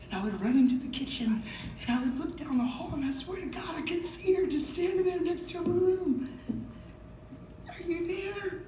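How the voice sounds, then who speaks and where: A man's voice: extremely high pitch, brisk, a little hiss or hum. Man telling a raw story onstage. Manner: raw, profane, swings from hushed to shouting. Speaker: singer telling his story on stage. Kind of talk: spoken storytelling between songs. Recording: echoey live venue from far off, loud crowd.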